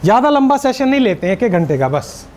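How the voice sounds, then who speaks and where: Indian man, middle-aged, speaking trainer, high voice, faint room hum. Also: fast. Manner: energetic, directs the audience, jokes. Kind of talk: live workshop talk mixing Hindi and English. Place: seminar room with live audience.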